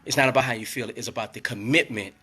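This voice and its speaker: Under the weather, with a rumbling, husky voice that still sounds pushed and bright, a man talks fast into a phone during a casual motivational live stream from his closed hair salon. His pep talk rambles and repeats itself, full of fillers.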